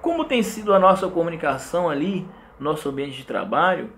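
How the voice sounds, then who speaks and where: A man teaching a sales course, lively, acting out short example dialogues as he explains. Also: a little high, fairly quick, vocal fry, a little hiss or hum. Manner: animated, acts out example dialogues. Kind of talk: lecture to camera.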